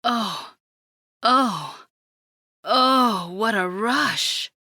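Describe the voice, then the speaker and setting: A woman voicing a passionate young woman in an audiobook, breathy and pleading. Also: mid-range voice, very slow, sharp tone, no echo, studio quality, full character voice. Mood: ecstatic. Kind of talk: audiobook character acting.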